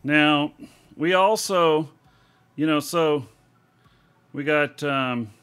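A man's voice: on the high side, very slow, fairly bright tone, smooth. A man hosting a live gameplay stream, chatting casually and rambling as he goes. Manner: rambling, chatty, laughs at himself. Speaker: livestream host.

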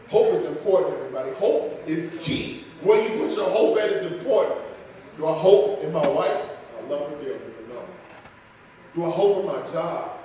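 Guy preaching, high voice, lots of repeats, big echoey hall from far off. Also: darkish tone. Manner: fervent preaching, repeats words, casual asides. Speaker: pastor. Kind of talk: sermon. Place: church sanctuary.

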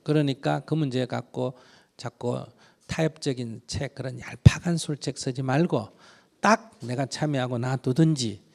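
A man, a Buddhist monk, answering a question from the audience in a dharma talk, blunt and animated. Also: medium pitch, moderate pace, creaky. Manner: blunt and animated, acts out shouting children.

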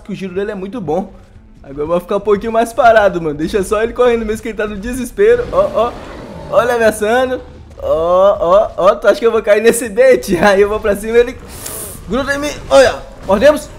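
A Brazilian man giving casual gameplay commentary, excitable and often laughing, talking straight to his viewers. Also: high-pitched. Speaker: gaming YouTuber.

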